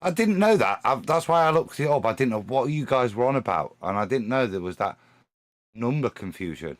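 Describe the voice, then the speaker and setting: A man's voice: mid-range voice, sing-song, a little fast, no echo. A man with a Nottingham accent chatting casually as a stand-in co-host on a live panel. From Nottingham, England.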